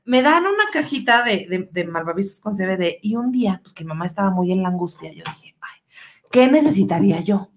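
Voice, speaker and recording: A woman's voice: medium pitch, expressive, fairly quick, slight background noise. A Mexican woman co-hosting a casual podcast, spinning a long personal anecdote. Her voice swoops up and down with animation, and she curses and laughs freely as she talks. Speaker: podcast co-host. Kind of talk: casual storytelling chat.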